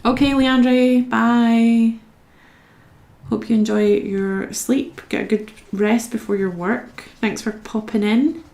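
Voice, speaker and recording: A woman's voice: on the high side, steady tone, slow pace, a little mellow, echoey room. A young Scottish woman chatting with viewers as she colours during a live stream. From Scotland. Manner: chatty, talks to viewers while working. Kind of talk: casual chat while colouring.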